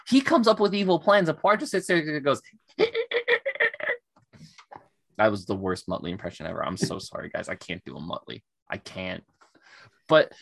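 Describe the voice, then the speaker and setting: A man's voice: fairly high pitch, gravelly. A man co-hosting a casual chat podcast, rambling with lots of fillers and self-deprecating enthusiasm. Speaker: podcast co-host.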